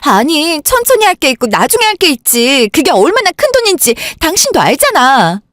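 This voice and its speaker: A woman's voice: high-pitched, wildly swooping pitch, a little fast, fairly bright tone, voice pushed up, heavily acted. A woman voicing a grieving elder sister in a radio drama, insistent and worked up as she keeps pushing to call the police. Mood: agitated. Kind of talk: Korean radio drama acting.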